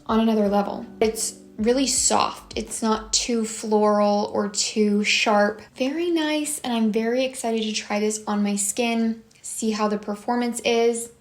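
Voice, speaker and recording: A woman's voice: fairly high pitch, fairly even intonation, measured pace, hardly any pauses, echoey room. A young woman in her twenties chatting enthusiastically to viewers in a casual haul vlog. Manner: enthusiastic, bubbly, gushing. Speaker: beauty vlogger.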